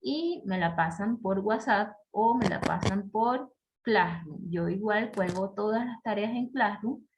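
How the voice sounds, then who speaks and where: A woman teaching a French class online, explaining slowly and checking in with "¿ok?" and filler words, with faint background noise. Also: medium pitch, rough recording. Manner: slow, explanatory, many "¿ok?" checks and "este" fillers; reads French example sentences slowly with exaggerated pronunciation.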